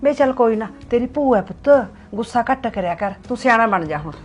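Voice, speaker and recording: A woman playing a gentle coaxing mother. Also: on the high side, lively intonation, a little fast, lightly acted. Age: middle-aged. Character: gentle mother scolding her son.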